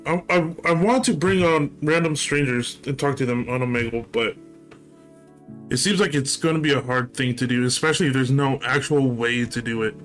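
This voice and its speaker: A young man chatting casually as podcast co-host. He rambles and restarts, swears freely, and keeps trailing off with "I don't know." Faint music plays softly behind him. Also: mid-range voice, moderate pace. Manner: rambling, hesitant, swears often. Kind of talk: casual chat.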